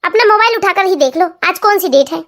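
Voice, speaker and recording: A woman's voice: very high voice, lively intonation, fast, a bit bright. A woman voicing a tired, lazy young husband in a comedy cartoon, grumbling and dodging. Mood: irritated. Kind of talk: cartoon family comedy voice acting.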